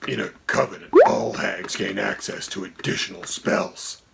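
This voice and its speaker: A man voicing a haughty dragon co-host who speaks in a gravelly, whispery voice and a dry, condescending tone. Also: on the low side, steady tone, moderate pace, a bit bright, slight background noise. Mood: deadpan. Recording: music playing under the voice.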